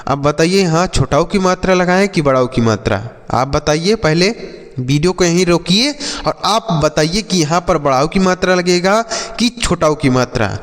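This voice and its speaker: A man's voice: fairly high pitch, expressive. Male teacher; patient, drills and quizzes kids; reverberant room. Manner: patient, slows to drill words and quiz pupils. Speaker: English teacher. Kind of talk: classroom reading lesson for children.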